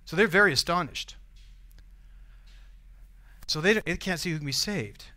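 A man's voice: fairly high pitch, moderate pace, pushed and bright. A man with an American accent preaching a sermon in a church, conversational and often asking the congregation questions. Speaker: pastor.

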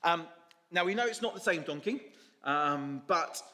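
A man's voice: on the high side, expressive, a little slow, bright, forceful tone. A male preacher giving a sermon, telling a story with informal asides. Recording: echoey church hall.

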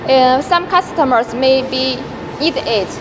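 A young woman in her twenties presenting a welding machine, talking haltingly with many restarts. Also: high-pitched. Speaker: product presenter. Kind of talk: product demonstration in English. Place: large factory workshop. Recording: noisy factory floor.

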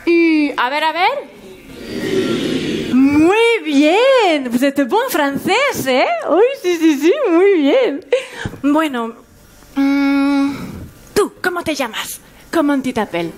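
A woman's voice: high voice, lively intonation, measured pace, a little hiss or hum. A woman with a Spanish accent doing a stand-up routine on a theater stage, playing a bubbly Spanish language teacher who mixes Spanish into her French. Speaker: stand-up comedian. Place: theater stage before a live audience.

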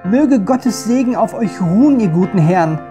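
Fretful little old granny, high and breathless, storybook voice, man doing it. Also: expressive, normal speed, music in the background. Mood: amazed. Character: poor little old woman, fretful and pious.

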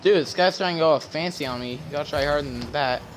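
Excitable young man yelling over gameplay. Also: fairly high pitch, fast talker, slight background noise. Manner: excitable, shouts and yelps at plays. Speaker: gamer. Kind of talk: gameplay commentary.

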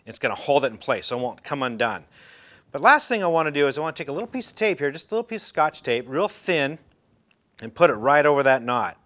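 This middle-aged man, a fishing instructor, talks fast in a fairly high, sing-song, slightly bright voice. He sits in a chair indoors giving a folksy, casual how-to, full of fillers and restarts.

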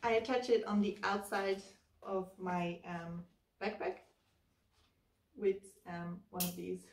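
Here the hiking vlogger, a woman in her thirties, talks slowly in a creaky, darkish, mid-range voice with fairly even intonation. She casually goes through packing her hiking backpack step by step as she handles her gear in the living room. Recorded on a camera mic across the room, the sound is roomy and slightly distant, with a little background noise.

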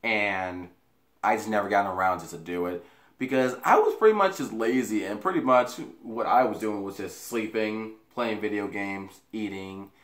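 A young man from the US talks to camera from a small, echoey bedroom, his casual story wandering, repetitive and full of profanity. His voice sits on the low side with a bit of brightness, and his speed is normal. The camera's mic is placed a few feet away.

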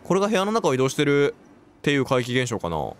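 Man with a wildly swinging pitch. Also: wildly swooping pitch, fast talker, a little hiss or hum. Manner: reactive, talks to himself, quips and exclaims. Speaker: game commentator. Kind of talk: let's play commentary.

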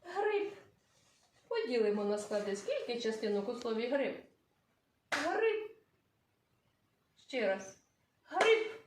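A woman teacher giving a children's lesson, slowly drawing words out syllable by syllable in a sing-song way. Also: a little high, big pitch swings, darkish tone, distant mic. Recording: echoey room, voice off-mic with faint noise.

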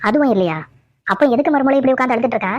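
A woman's voice: high voice, rapid-fire, no room sound. A woman voicing a nagging cartoon mother-in-law. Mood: scolding. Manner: scolding, repetitive nagging. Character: scolding middle-aged mother-in-law, nagging and fussy. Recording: dull lo-fi dry audio.

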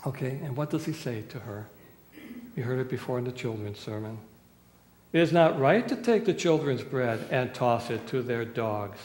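A man in his sixties, a pastor preaching a sermon, dramatic, swinging between loud pleading and hushed quiet lines, recorded from a distance in a small church. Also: mid-range voice, animated, moderate pace. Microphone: far camera. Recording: echoey church hall, roomy reverb.

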